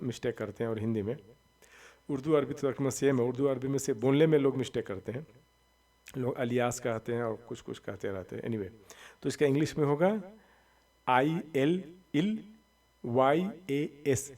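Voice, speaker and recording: Guy teaching a pronunciation lesson, spells letters out slow, mic a bit far off. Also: medium pitch, a little mellow. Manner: slow, deliberate spelling-out of letters and vowel marks. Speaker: religious teacher. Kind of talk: explanatory lesson.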